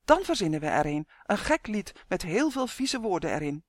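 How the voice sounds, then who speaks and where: A woman reading an audiobook, voicing a spirited, cheerful little dwarf girl who talks in a bright, bossy way. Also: on the low side, sing-song, normal speed, no echo. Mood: urging, cheerful. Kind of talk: audiobook character voice.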